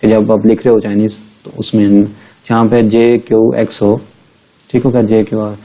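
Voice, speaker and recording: Low, dark-voiced man drilling sounds. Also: level tone, moderate pace, poor audio. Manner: repeats each sound several times, patient drilling. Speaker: language teacher. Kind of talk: recorded lecture over slides.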